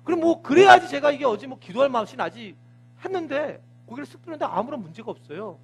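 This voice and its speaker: High-voiced, lively Korean pastor preaching. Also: male voice, fast talker, creaky, slight background noise. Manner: vivid storytelling with sound words and acted dialogue. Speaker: senior pastor. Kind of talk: Sunday sermon.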